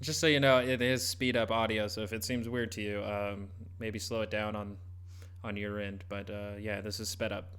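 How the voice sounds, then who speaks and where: A man hosting casual live political commentary, speaking haltingly and often trailing off mid-thought. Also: lowish voice, level tone, fairly bright tone, slight background noise. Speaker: host reacting to a broadcast.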